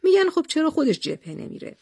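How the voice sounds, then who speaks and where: A woman's voice: high voice, very animated, vocal fry, a little mellow, dry recording, studio quality, voice pushed up, exaggerated voice. A woman reading as a tender young husband. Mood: serious. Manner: tender, earnest. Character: gentle devoted young husband, soldier.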